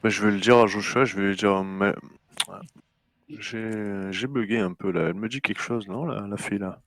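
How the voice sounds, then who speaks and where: A man's voice: lowish voice, steady tone, normal speed, no room sound. A man playing a tabletop game, hesitant and thinking aloud. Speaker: player. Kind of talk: tabletop role-play.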